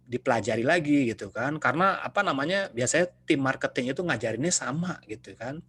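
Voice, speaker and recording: A man's voice: medium pitch, a bit bright, husky. A man lecturing students over a video call in a casual, joking, chatty way. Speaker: university lecturer. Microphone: video call computer mic.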